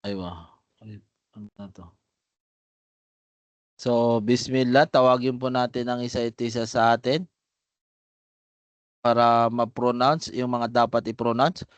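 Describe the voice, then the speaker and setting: A man teaching the Arabic alphabet on a video call, patient and unhurried, calling on students by name. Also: medium pitch, steady tone, no room sound, lo-fi sound. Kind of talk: online class drilling letter sounds.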